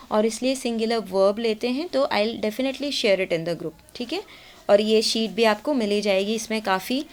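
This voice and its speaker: A woman with an Indian accent teaching a grammar class. She explains patiently, switches between Hindi and English and keeps checking that students follow. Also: on the high side.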